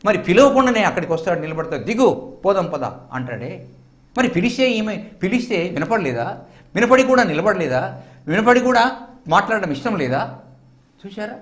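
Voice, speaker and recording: A man's voice: high-pitched, sing-song, moderate pace. A middle-aged male pastor preaching a sermon, with many rhetorical questions and repetitions, rising and dropping sharply. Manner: rhetorical questions and repetitions, dramatic rises and drops.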